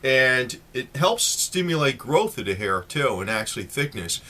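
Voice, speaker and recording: A man's voice: mid-range voice, very animated, moderate pace, bright, forceful tone. A man in his late fifties giving a casual, rambling talk to the camera with lots of fillers. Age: 50s. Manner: rambling, chatty, many fillers. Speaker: vlogger.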